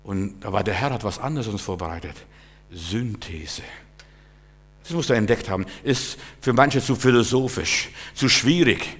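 A man preaching a sermon with fervent, repetitive phrasing that climbs to loud, emphatic peaks. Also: lowish voice, lively intonation, moderate pace. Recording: long hall reverb.

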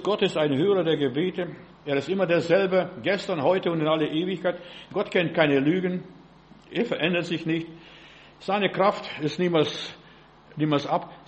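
Fervent preacher man. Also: high voice. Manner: fervent, addresses listener directly with frequent rhetorical questions. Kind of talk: informal sermon.

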